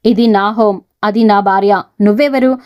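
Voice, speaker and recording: A woman's voice: mid-range voice, fairly even intonation, moderate pace, muffled recording, lightly acted. A woman voicing an arrogant, deceitful middle-aged husband in an audio story, speaking in a blustering, defensive way.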